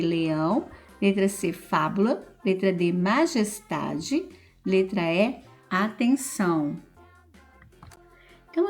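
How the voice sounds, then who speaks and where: A woman teacher with a Brazilian Portuguese accent, going through school exercises aloud in a slow, patient way and stretching out key words. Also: medium pitch, a little mellow.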